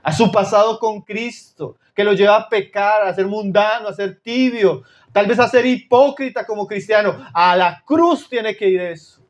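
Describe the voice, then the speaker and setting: High-voiced Chilean preacher. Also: male voice, moderate pace. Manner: dramatic preaching, drops to low intense tones for emphasis; addresses listeners as brothers. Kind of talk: sermon.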